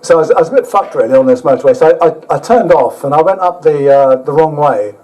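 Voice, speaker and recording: A man's voice: on the high side, expressive, fast talker, mellow, rough recording. A man telling a rambling, self-mocking travel story to a live audience, with casual swearing. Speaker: speaker at an overland motorbike event.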